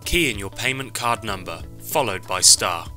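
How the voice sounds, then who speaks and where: A man's recorded automated phone payment prompts, measured and instructional, telling the caller which keys to press. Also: lowish voice, animated, pushed and bright. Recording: clear background music.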